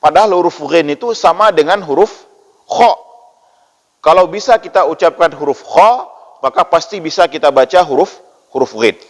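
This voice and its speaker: A man from Indonesia teaching Quran pronunciation in a patient lesson, repeating letter sounds over and over and chanting verses slowly for listeners to copy. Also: on the high side, lively intonation. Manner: chants Quranic phrases in drawn-out recitation. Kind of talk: slow tajwid lesson with call-and-repeat drills. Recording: long hall reverb.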